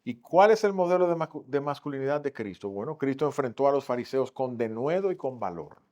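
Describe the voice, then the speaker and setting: A male pastor with a Dominican accent, preaching a Sunday school sermon and acting out the voices he quotes, swinging from loud to hushed. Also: medium pitch, big pitch swings, brisk, dull audio. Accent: Dominican Spanish. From Dominican Republic.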